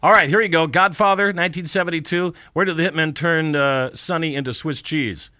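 A man's voice: on the high side, sharp tone, no echo, clean studio sound. A man hosting a radio talk show, joking and laughing easily as he puts quiz questions to his guest. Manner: jokey, quick to laugh, quiz-style questions. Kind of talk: radio interview.

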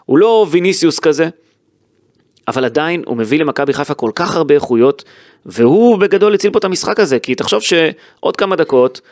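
A man's voice: a little high, lively intonation, dry recording, studio quality. A man hosting a sports podcast, chatting casually and animatedly about a football match, with frequent fillers and restarts. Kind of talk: casual football analysis chat.

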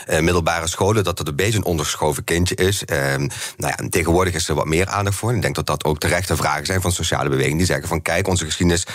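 A man's voice: deep voice, quick pace, a bit bright, no room sound. A man in a political debate, explaining his point in Dutch with fillers.

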